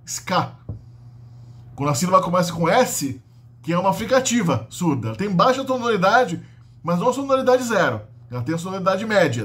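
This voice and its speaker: Brazilian man, slightly high voice, casual explanatory lecturer. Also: fairly bright tone. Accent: Brazilian Portuguese. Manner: explanatory, frequent "né?" tags and restarts. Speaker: linguistics teacher. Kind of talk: unscripted lecture.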